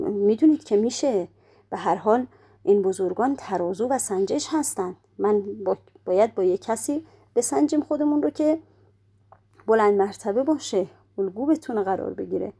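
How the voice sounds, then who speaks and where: In her religious lecture, a woman with a fairly high, creaky, dark-toned voice works through ideas one step at a time. She poses rhetorical questions only to answer them, and her pace slows when she recites prayer quotations.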